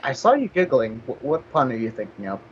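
Animated man rambling on a podcast. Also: mid-range voice, a little fast, slight background noise. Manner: rambling, swears casually, jokey. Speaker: podcast co-host. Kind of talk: casual podcast chat. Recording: slightly muffled lo-fi audio.

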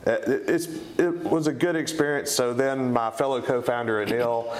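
A man's voice: mid-range voice, fairly even intonation, normal speed. A middle-aged man with an East Tennessee accent, answering interview questions in a conversational way. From East Tennessee, United States. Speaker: interview guest, company co-founder. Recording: roomy, echoing sound.

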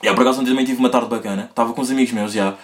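A young man hosting a solo podcast in a rambling, slangy, casual way, his pitch jumping up when he gets excited. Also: racing. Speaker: podcast host.

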